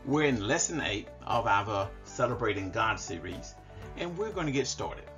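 A man's voice: on the low side, sing-song, muffled recording, music in the background. Man teaching a Sunday School Bible lesson. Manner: reads scripture slowly, explains verse by verse with restarts.

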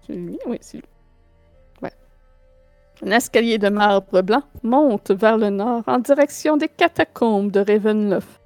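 A woman's voice: medium pitch, unhurried, a little mellow, dry recording, faint music behind. A woman narrating a tabletop role-playing game as game master.

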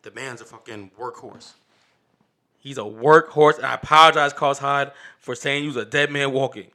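A man co-hosting a casual fantasy football chat, animated and emphatic, joking as he argues his picks. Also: mid-range voice, normal speed.

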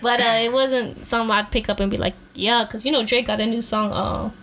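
Woman co-host, relaxed slang-heavy delivery, upper-range pitch. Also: fairly quick, slight background noise. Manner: slangy, laid-back, laughs often. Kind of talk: casual podcast chat.

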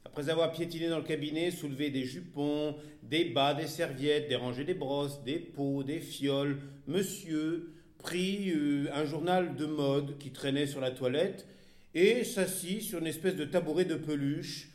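A man's voice: on the high side, measured pace, darkish tone. A man reading a novel aloud expressively, with occasional hesitations. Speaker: narrator. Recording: roomy echo.

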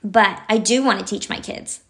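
A woman's voice: mid-range voice, normal speed, a bit bright. Candid mother talking on a vlog. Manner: candid and reflective, with fillers and restarts. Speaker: mother and vlogger. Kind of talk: casual personal vlog talk.

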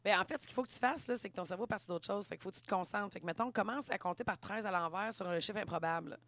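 A woman's voice: medium pitch, fast talker. A woman with a Québécois French accent, co-hosting a podcast and telling stories in casual chat. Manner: animated storytelling, swears casually. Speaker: podcast co-host.

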